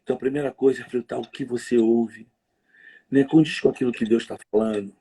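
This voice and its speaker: Gravelly, husky preacher man. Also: medium pitch. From Rio de Janeiro. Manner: lively storytelling, slangy, quick asides. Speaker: preacher guest on a livestream. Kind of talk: conversational preaching.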